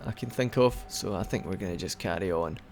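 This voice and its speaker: There's a little hiss or hum as a young man with a low-pitched, brisk voice gives let's play commentary. He rambles and chats casually about the game, often restarting his sentences and hiccuping at times.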